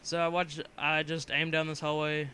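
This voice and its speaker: A young man giving a casual, rambling voice-over commentary on his own gameplay, joking and filling pauses with "uh" and "yeah" while fighting a cough. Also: a little high, little pitch movement, sharp tone, a little hiss or hum. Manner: rambling, joking, filler-heavy. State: coughing from a cold.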